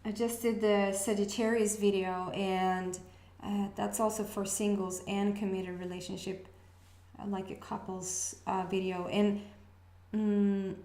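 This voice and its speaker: A Swedish astrology reader with a mid-range voice and Swedish accent talks to camera in a relaxed intuitive reading for her channel. The room is echoey. She speaks hesitantly and musingly, pausing as she tunes in to sense messages.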